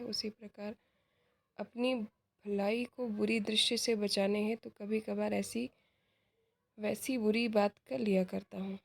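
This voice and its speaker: A woman's voice: mid-range voice, creaky, a little mellow. A woman reading as Shripat, cheerful young man. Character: cheerful easygoing young man, indulgent uncle. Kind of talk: reading a play aloud.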